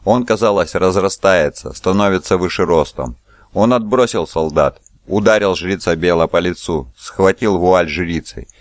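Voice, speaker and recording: A man with a very low, deep voice reads a novel aloud in an even, measured way. The sound is dry and close, with no room around it. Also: no room sound. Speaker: audiobook narrator. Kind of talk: scripted narration.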